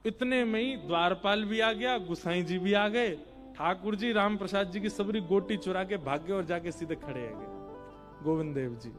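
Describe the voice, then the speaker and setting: A man's voice: sits high, moderate pace, faint music behind. A man telling a devotional story sermon, emphatic and addressing the listeners directly. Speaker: kathavachak storyteller-preacher.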